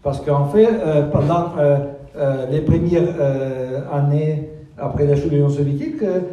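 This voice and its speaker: A man gives hesitant interview answers, pausing often with filler sounds as he looks for words. His voice is dark and mellow and sits a touch high, and it is picked up from off the mic. The room around him is very echoey. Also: distant mic, dull audio. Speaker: guest author.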